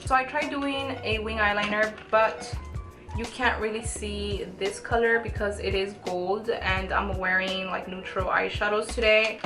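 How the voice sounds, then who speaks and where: A beauty vlogger in her early twenties chats informally through a makeup tutorial, thinking aloud as she goes. Her voice is medium-pitched, fairly even in intonation and a little slow. The recording has a roomy echo and background music.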